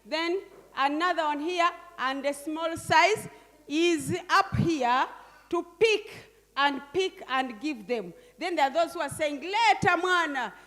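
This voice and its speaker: High-voiced older woman leading a workshop. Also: slow pace, fairly bright tone. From Uganda. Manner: coaxing, directing people with frequent "eh?" tags. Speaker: workshop facilitator. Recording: long hall reverb.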